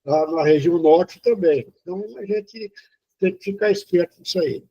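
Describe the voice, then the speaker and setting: A man from Brazil giving an informal spoken lesson on poetry, halting and explanatory, with many fillers and restarts. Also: high-pitched, dark tone, breathy edge. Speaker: poetry teacher. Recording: dull lo-fi recording.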